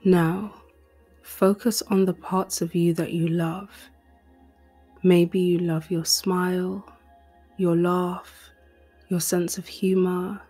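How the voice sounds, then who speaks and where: Soft music underscores a woman's scripted guided meditation. Her voice is breathy and hushed, her pacing very slow and steady, and her soothing words carry almost no pitch variation.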